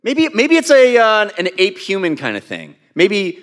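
A man's voice: high-pitched, wildly swooping pitch, normal speed. A man co-hosting a live podcast panel, dry and wisecracking in casual banter. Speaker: podcast co-host. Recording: reverberant convention hall.

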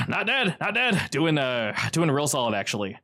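A man voicing an excitable young man who stammers and rushes through his words at a reunion. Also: on the high side, voice pushed up. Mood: relieved.

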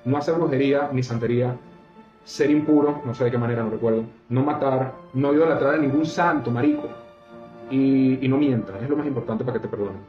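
A man hosts a casual podcast, speaking bluntly and with emphasis, swearing freely. His voice sounds mid-pitched for a man. The recording is roomy and slightly dull, with faint music underneath. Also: fairly quick. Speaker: podcast host.

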